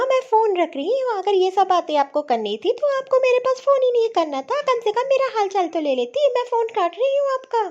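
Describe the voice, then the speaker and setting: Woman voicing a high, earnest young bride. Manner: earnest, emphatic. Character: cheerful young newlywed bride.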